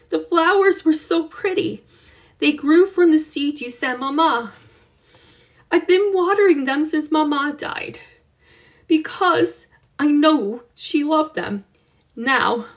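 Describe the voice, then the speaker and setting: A woman doing an upset young girl, high and strained.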